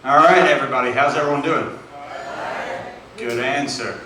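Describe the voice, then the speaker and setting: A man's voice: medium pitch, moderate pace, very echoey, recorded from a distance, loud music behind the voice, poor audio. A man from South London with a South London accent doing a chatty, self-deprecating stand-up set in a club. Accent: South London English. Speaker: stand-up comedian. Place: comedy club stage.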